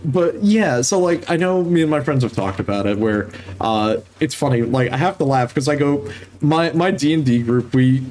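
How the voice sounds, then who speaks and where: A man's voice: medium pitch, darkish tone. A young man, a streamer and game master, chatting casually in a rambling, filler-heavy way and laughing easily. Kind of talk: casual chat.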